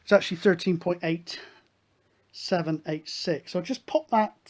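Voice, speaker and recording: A man's voice: high voice, normal speed. A British man hosting a hobby electronics video, talking through a hands-on demonstration in a chatty, matter-of-fact way.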